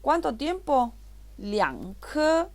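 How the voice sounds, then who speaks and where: Very slow, patient woman teacher. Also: high-pitched, sing-song. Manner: patient, repeats each word step by step. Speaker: Chinese language teacher. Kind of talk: recorded online class explanation.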